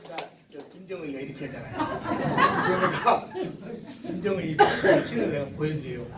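Joking pastor in an echoey hall. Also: male voice, fairly high pitch, wildly swooping pitch, fairly quick, a loud crowd. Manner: joking, teasing and shouting out cheers. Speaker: pastor leading a seminar. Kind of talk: lively seminar talk to a church crowd. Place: church hall with an audience. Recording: echoey hall, distant mic, noisy.

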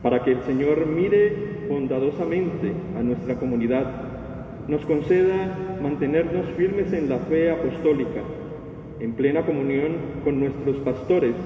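A middle-aged man reading liturgical intercessions in a solemn, measured way. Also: a little high. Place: inside a church. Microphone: lectern microphone, through face mask. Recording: reverberant church, distant mic, dull, noisy.

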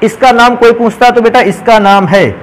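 Guy teaching chemistry, pretty high voice, goes step by step, faint hiss behind. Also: steady tone, moderate pace, low-quality recording. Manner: explains step by step, calls students "beta". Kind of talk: whiteboard lesson.

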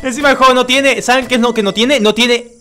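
High, bright, excitable male gamer. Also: fast. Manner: excitable, frustrated, swearing, yelling at the game. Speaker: YouTuber playing a video game. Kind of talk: let's-play gaming commentary. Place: room with echo.

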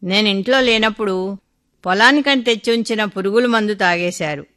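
Woman voicing distressed mother, lamenting, bright tone, storybook reading. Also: medium pitch, moderate pace, close to an everyday voice. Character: distressed middle-aged wife and mother.

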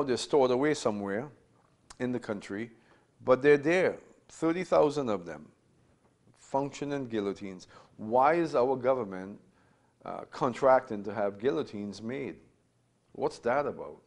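A man's voice: lowish voice, darkish tone. Man in his fifties teaching a Bible class, emphatic, repeats himself, asks rhetorical questions, recorded from a distance in a small room. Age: 50s.

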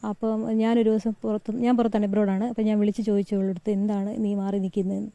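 A woman from Kerala recounting a friend's troubles to a reporter, halting often with fillers and restarts. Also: mid-range voice, little pitch movement, dark tone, dry recording. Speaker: friend giving an interview.

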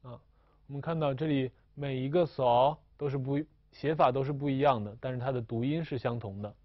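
A man teaching a recorded language lesson, explaining slowly and carefully with frequent hesitations. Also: mid-range voice, steady tone, dry recording, dull audio.

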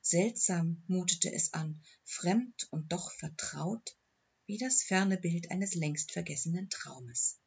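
A man narrating an audiobook story in a measured, descriptive way. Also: sits high, gravelly, breathy edge, muffled recording.

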